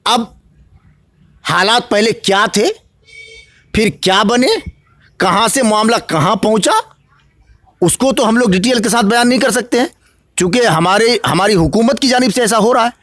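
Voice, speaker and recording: A man's voice: sits high, moderate pace, pauses often, fairly bright tone, dry recording, clean studio sound. A man with a Bihari Hindi-Urdu accent answering interview questions as an election candidate, in a preacherly way that rises to emphatic declamation.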